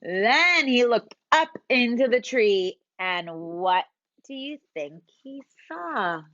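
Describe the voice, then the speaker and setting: A woman teacher reading a picture book aloud to young children, expressive and drawn out, asking them questions, in a dull lo-fi recording. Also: fairly high pitch, slow, no room sound. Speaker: preschool teacher.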